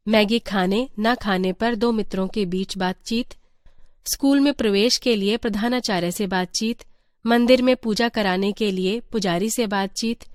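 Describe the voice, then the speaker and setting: A woman reading a teacher's guide aloud in an even, measured voice. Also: mid-range voice, no room sound, studio quality. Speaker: textbook reader.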